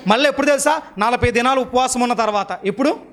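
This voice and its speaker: A man's voice: very high-pitched, fast, a crowd in the background. A man preaching as a pastor, firing rhetorical questions at his congregation and repeating them, with sudden emphatic bursts. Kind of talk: sermon.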